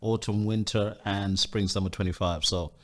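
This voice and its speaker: A man's voice: on the low side, steady tone, moderate pace. A man co-hosting a show, laid-back and speaking in short remarks. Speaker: co-host. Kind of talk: casual interview chat.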